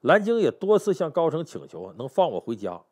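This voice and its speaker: Brief: a man spinning a history tale, lively pitch, slightly high voice, keeps asking the audience questions. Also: fairly quick. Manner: chatty, animated, rhetorical questions to the listener. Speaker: history storyteller. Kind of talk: storytelling history talk.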